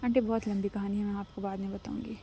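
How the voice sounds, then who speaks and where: A woman voicing a calm young woman reassuring a worried mother. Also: medium pitch, fast talker, vocal fry, a little hiss or hum, natural voice. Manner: gently reassuring.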